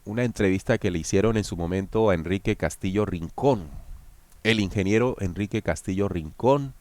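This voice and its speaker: A man with a lowish voice walks his viewers through an interview in an explanatory commentary. He turns to them directly as he picks apart each point. The sound is dry and close. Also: no room sound. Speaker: host. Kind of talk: analytical commentary.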